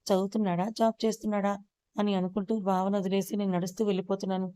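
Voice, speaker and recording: Woman narrator for an audio story: steady, level delivery, soft warm tone, smooth and clean, dry close sound. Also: medium pitch, quick pace, no room sound.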